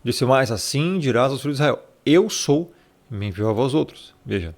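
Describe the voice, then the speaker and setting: A Bible teacher with an animated, mid-range voice explains scripture at a moderate pace during a casual study. He talks conversationally, checking in with tag questions and calling his listener brother.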